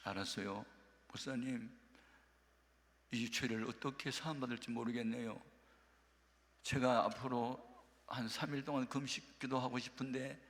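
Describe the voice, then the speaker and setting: A man's voice: mid-range voice, fairly even intonation, normal speed, pauses often, fairly bright tone, close to an everyday voice. A preacher puts on a middle-aged churchwoman, stubborn at first and then pleading through tears. His voice rises above his normal speech to sound like her. A long reverb from the hall hangs behind each line. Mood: tearful.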